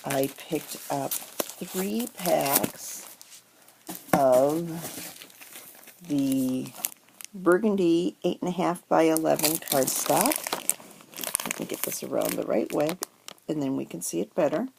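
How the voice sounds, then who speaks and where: A woman's voice: low-pitched, expressive, slow pace, vocal fry, pauses often. A middle-aged woman chatting casually through a crafting haul, rambling with many ums. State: has the hiccups. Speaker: crafting vlogger. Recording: noisy home recording. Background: paper crinkling and rustling.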